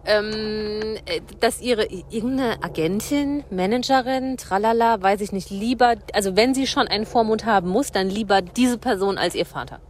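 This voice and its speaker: A woman's voice: medium pitch, moderate pace, hardly any pauses, slight background noise. A woman co-hosting a podcast outdoors, chatting in a playful, giggly way. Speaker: podcast co-host. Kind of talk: casual chat.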